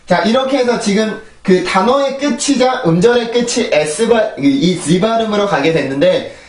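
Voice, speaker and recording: Male pronunciation teacher, fairly high voice, slightly distant from the mic, patient drills. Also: animated, normal speed. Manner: explains patiently and models words by repetition. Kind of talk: pronunciation lesson. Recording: echoey room, voice a bit off-mic.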